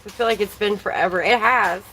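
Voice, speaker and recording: A woman's voice: medium pitch, brisk, sharp tone, slightly rough, poor audio. A woman hosting a casual livestream, chatting and greeting viewers by name while her voice is slightly worn. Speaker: livestream host.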